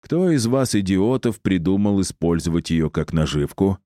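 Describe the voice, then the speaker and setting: A man's voice: deep voice, animated, normal speed, warm tone, no echo, studio quality. A man voicing an arrogant, cruel male necromancer who mocks and insults his captives. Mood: mocking. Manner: mocking, condescending, insulting.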